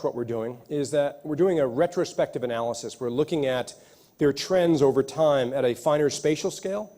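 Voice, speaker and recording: In a lecture hall, a male ecologist with a warm voice on the high side answers audience questions after his lecture. He's earnest and often restarts his sentences.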